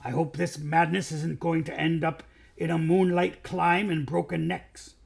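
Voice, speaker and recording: A man's voice: fairly high pitch, little pitch movement, unhurried, creaky, full character voice. A man reading aloud, voicing a grumbling, impatient male dwarf in a storybook reading.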